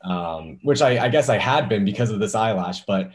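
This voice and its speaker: A man's voice: on the low side, expressive, normal speed. A young man hosting a podcast, talking in an easygoing way with lots of fillers and restarts. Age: young adult. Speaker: podcast host. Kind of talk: casual chat.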